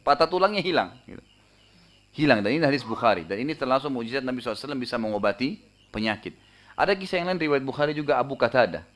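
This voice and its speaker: A man preaching a storytelling sermon, conversational and animated, often tagging sentences with casual fillers. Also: medium pitch. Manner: conversational, frequent tag fillers; animated retelling, raising voice for dramatic moments. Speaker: Islamic preacher.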